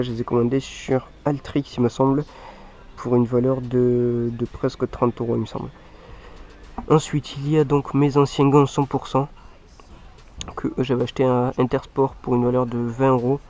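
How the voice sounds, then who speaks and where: Stuffed up with a head cold, a man whose first language is French vlogs about mountain biking, casually showing his gear to viewers. His talk meanders and he keeps reusing the same fillers. His voice is mid-range and mellow, level in tone, at a normal speed.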